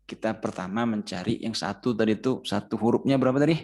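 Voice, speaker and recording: A man's voice: on the low side, quick pace, a little mellow. A man with a Banjar Indonesian accent teaching a Ramadan Quran recitation class. He patiently chants verses as examples and quizzes his students.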